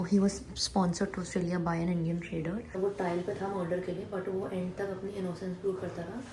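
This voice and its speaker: A young woman chatting casually through a travel vlog, excitable and thinking aloud, filming herself on a handheld phone. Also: fairly low pitch. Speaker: travel vlogger. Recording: noisy street and room ambience.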